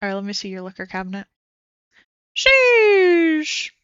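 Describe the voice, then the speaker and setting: A young woman streamer chatting casually and excitably as she reacts to a video, swearing freely. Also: medium pitch, very fast, smooth, dry recording, highs cut off. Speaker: streamer host.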